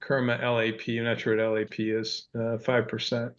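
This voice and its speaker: A man chairing a budget meeting over a conference call, reading through items informally and haltingly, with muffled, choppy audio. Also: medium pitch, completely flat delivery. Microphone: remote call through a computer or desk speaker.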